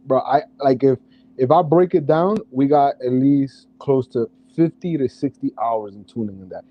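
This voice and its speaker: A man co-hosting a casual chat, relaxed and reflective, restarting his sentences as he talks. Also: medium pitch, normal speed. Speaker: podcast co-host. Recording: dull lo-fi audio.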